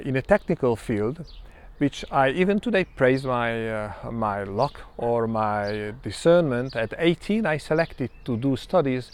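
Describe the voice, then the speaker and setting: Hungarian-accented man, 50s, reflective personal monologue, mid pitch. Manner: measured and reflective, many ums and pauses. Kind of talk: personal self-introduction monologue.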